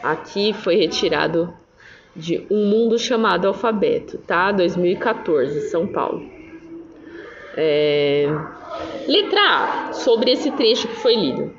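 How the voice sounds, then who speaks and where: A woman's voice: fairly low pitch, animated, slow pace, noisy background. A Brazilian woman teacher explaining exercises in a lesson, patient and checking in with her students often. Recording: dull roomy recording with faint ambience.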